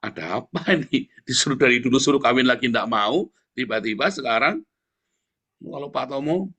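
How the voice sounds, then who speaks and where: A middle-aged male pastor preaching a sermon in a blunt, combative way, with lively swings in his delivery. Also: mid-range voice, moderate pace, husky.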